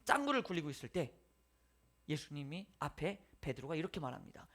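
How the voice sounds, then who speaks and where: A man delivers a sermon as a pastor, his voice on the high side and brisk. He tells stories with lively energy, acting out different voices and shifting from loud passages down to whispers.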